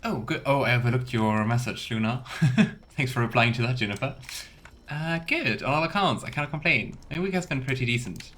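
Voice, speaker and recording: This let's player is a man streaming a game, offering laid-back commentary, addressing chat and reading the on-screen text out loud. He speaks briskly in an expressive mid-range voice with a fairly bright tone, and faint game sounds can be heard underneath.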